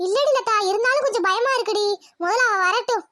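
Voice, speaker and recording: A woman's voice: extremely high pitch, brisk, sharp tone, no room sound, studio quality. A woman voicing a suspicious, scolding village mother. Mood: worried. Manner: scolding, suspicious, rural Tamil speech. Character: anxious strict village mother, middle-aged woman. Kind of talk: cartoon voice acting.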